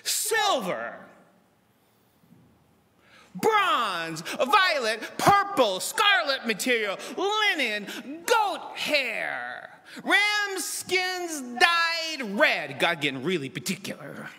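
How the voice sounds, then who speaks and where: A middle-aged man preaching a sermon from a church pulpit, acting out dialogue with dramatic swings between loud and soft. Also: very high voice, very slow. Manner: dramatic, voices God and Moses in lively asides. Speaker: pastor. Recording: long church reverb.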